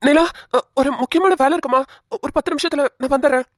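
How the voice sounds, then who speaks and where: A woman's voice: sits high, quick pace, dry recording, studio quality, natural voice. A woman voicing an anxious young man who stammers with urgency in a cartoon. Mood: urgent.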